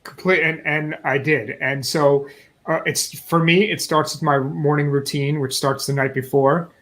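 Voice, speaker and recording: A man's voice: a little high, steady tone, measured pace, a bit bright. A man in his forties speaking as a guest on a video call, upbeat as he explains how he built his company. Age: 40s. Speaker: guest business founder. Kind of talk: interview storytelling.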